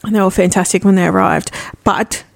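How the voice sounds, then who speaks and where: A woman's voice: medium pitch, steady tone, brisk, creaky. Foul-mouthed woman telling a story. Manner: swears freely, rambling anecdote. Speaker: podcast co-host. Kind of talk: casual chat, storytelling.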